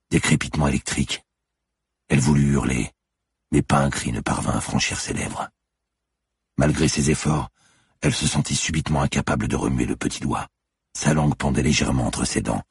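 A man narrating a suspense audiobook in a measured, dark reading. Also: extremely low pitch, vocal fry, husky, no room sound, studio quality.

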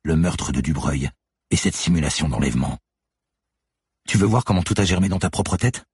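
A man's voice: rumbling low, lively intonation, moderate pace, darkish tone, breathy edge, dry recording, studio quality, exaggerated voice. A man voicing a relentless woman police detective who lays out her accusations steadily and methodically in an audiobook. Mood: accusing, cold. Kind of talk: audiobook character voice.

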